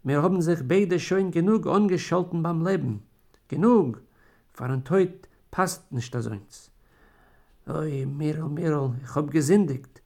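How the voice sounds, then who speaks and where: A man's voice: fairly high pitch, a little slow, gravelly, dark tone. A man voicing a dying old male klezmer musician, weak, weary and remorseful.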